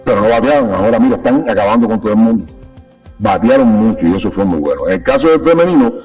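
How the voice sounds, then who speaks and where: A man's voice: on the low side, animated, quick pace, darkish tone, distant mic, faint music behind, rough recording. Cuban-born man, emphatic, from the mic. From Cuba. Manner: emphatic, repeats key phrases. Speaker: sports official guest. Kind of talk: conversational interview.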